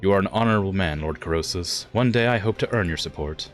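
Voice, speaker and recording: A man's voice: deep voice, fast talker, soft background music, natural voice. A man voicing a wounded but resolute noblewoman leader in a video game, speaking formally and earnestly. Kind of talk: reading game dialogue aloud.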